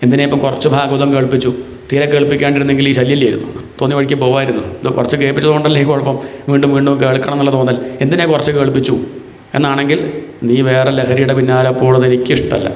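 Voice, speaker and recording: A man delivers a devotional discourse, telling the tale as if it happened to him. He drops into slow, drawn-out chanting of verses. His voice rings through a large, echoing hall. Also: medium pitch, flat delivery, darkish tone. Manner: storytelling in first person, slowly chants verses. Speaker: scripture discourse speaker. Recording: reverberant hall.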